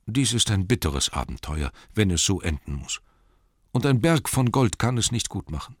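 A man's voice: very animated, normal speed, no echo, studio quality. Bilbo, a man doing a shaky-voiced hobbit. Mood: sad. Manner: shaky, higher put-on voice. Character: small weary male hobbit, nervous and plucky.

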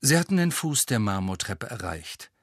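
A male audiobook narrator reading a fantasy novel in an even storytelling delivery. His voice sits mid-range but moves lively in pitch. The recording is dry and close, with no room sound. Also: normal speed, gravelly, husky, no room sound.

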